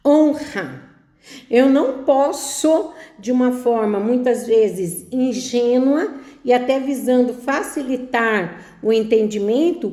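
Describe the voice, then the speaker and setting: A fairly high-voiced woman gives a spelling lesson. She explains step by step, asks questions and keeps checking that her listeners follow. Her voice rings in an echoey room. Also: a little mellow. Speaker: teacher.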